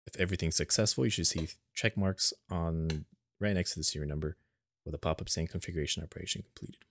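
A low-pitched, gravelly male voice talks fast through an unscripted software tutorial, explaining each step plainly as a screen voice-over. The recording is dry.

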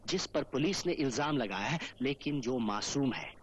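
A man's voice: mid-range voice, animated, normal speed, lo-fi sound, a little hiss or hum, lightly acted. An actor playing an earnest, principled young male lawyer who speaks firmly and defiantly, in 1980s film drama dialogue. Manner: earnest, firm, declaiming.

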